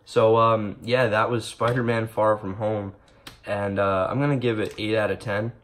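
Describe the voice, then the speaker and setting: Excitable young man, lowish voice, swearing. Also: moderate pace. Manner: rambling, excitable, swears a lot, many fillers. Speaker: vlogger reviewing a movie. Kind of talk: casual spoiler-filled movie review.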